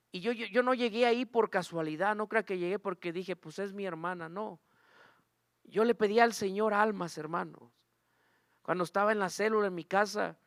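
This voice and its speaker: A man delivers an earnest sermon, weaving in his own testimony and calling out to the congregation. His voice sits high for a man. The sound is close and dry, with no room echo. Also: fairly bright tone, smooth. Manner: earnest storytelling, addresses church as brothers and sisters. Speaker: preacher.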